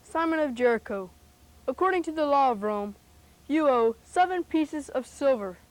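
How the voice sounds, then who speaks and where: A woman's voice: high-pitched, expressive, normal speed, darkish tone, dry recording, rough recording. A woman playing a haughty, greedy male tax collector in a Bible drama, pompous and declamatory. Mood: indignant, pompous.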